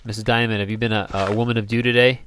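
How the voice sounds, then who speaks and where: A man's voice: lowish voice, level tone, rapid-fire, noisy background. A young man hosting a casual gameplay video, rambling and joking as he builds. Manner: jokey, rambling, sings goofy snippets. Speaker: gaming let's play host.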